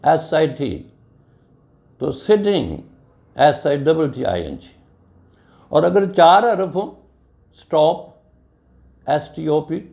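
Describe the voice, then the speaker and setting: A man's voice: fairly high pitch, vocal fry, dark tone. A man teaching an English grammar lesson, spelling words out letter by letter and explaining each rule step by step, with a Pakistani accent. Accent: Urdu-flavored Pakistani English.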